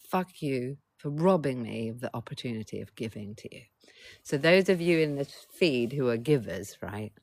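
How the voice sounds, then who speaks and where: Her deep voice comes through with no room sound as this middle-aged coach runs a casual live stream. She talks bluntly, swears freely, and keeps pushing viewers to answer in the chat.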